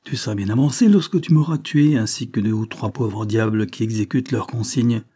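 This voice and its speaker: This is a shrewd, orderly police agent in a spoken storybook, voiced by a man reading. He talks in a cool, lecturing way. His voice is mellow and a little husky. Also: on the low side, fairly quick. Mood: reproachful.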